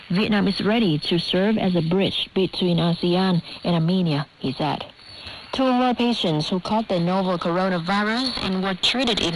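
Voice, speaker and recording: Over static-filled shortwave radio, a newsreader with a voice on the low side reads a formal news bulletin. Her delivery is crisp and clearly scripted.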